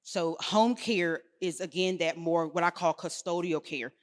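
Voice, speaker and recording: A woman speaking about home care on a panel, lively and laughing often as she acts out dialogue. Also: on the low side, unhurried. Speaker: home care company representative. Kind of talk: casual panel discussion.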